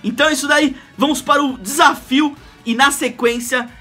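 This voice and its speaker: A man in his thirties with a Brazilian accent, hosting casual, excited gameplay commentary in a slangy, jokey way with frequent exclamations. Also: very high-pitched, normal speed, soft background music. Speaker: gaming video host. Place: small indoor room.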